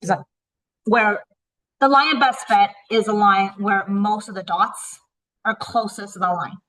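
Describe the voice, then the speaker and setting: A woman math teacher talks through a worksheet one step at a time, estimating aloud and often pausing to ask "right?" Her voice is bright and forward, in a middle register for a woman. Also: mid-range voice, fairly even intonation, low-quality recording. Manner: tentative, thinks aloud while estimating.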